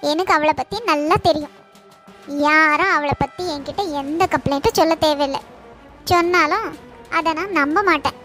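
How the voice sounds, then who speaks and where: A very high-voiced, gentle cartoon aunt who soothes and coaxes, played by a woman. Her tone stays affectionate and protective. Soft music hums in the background. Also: moderate pace. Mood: soothing. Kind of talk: cartoon voice acting. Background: faint background music.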